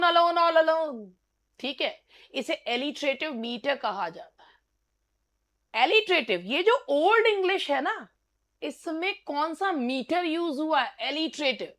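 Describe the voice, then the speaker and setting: Slow, high-voiced woman teacher. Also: a bit bright. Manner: explains slowly, asks and answers her own questions. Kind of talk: exam-prep literature lecture.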